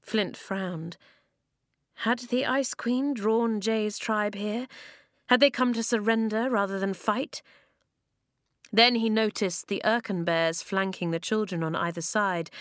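A woman narrating a children's storybook in an expressive way, slowing down for dramatic moments, on a close studio mic. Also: mid-range voice, dry recording. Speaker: audiobook narrator. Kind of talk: storybook reading.

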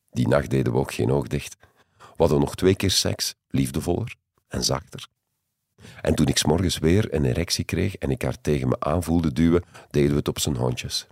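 A man tells a first-person story in a scripted, intimate and measured narration. His voice is extremely deep, husky and gravelly. The sound is dry and close. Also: a little mellow, no room sound.

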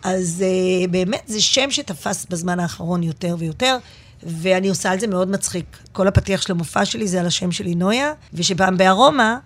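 Animated woman comedian telling stories. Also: lowish voice. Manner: animated, expressive storyteller. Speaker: stand-up comedian guest. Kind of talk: casual interview chat.

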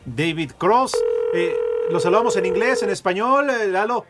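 High-voiced Mexican man hosting radio. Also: animated, moderate pace, over loud music. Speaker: radio sports show host. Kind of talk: joking live radio banter.

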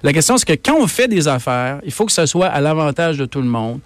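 Québécois guy, economics columnist on radio, pushy emphatic talk, slightly high voice, dry sound. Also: big pitch swings, fast, dry recording. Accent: Québécois French. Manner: emphatic, argumentative, frequent repetitions. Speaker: economics columnist and professor, guest. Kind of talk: radio interview.

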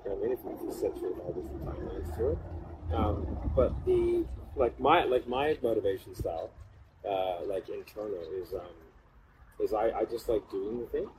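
Man, low voice, casual podcast chat, rambling informal delivery, noticeable background noise. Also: a little fast. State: cold, in an ice bath. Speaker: podcast speaker. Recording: clearly noisy background hum.

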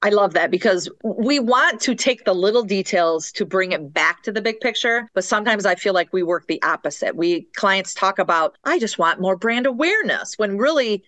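A woman's voice: mid-range voice, moderate pace, hardly any pauses, a bit bright, no echo. A woman hosting a business podcast, chatting casually and chiming in with eager agreement. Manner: enthusiastic, affirming interjections. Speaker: podcast host.

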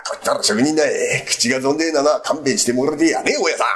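A man voicing a rough, hot-tempered master carpenter with an old Edo Tokyo accent who pleads and then rants fast in rakugo storytelling. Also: medium pitch, a bit bright, lightly acted. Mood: pleading. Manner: begging at first, then a rapid street-tough tirade.

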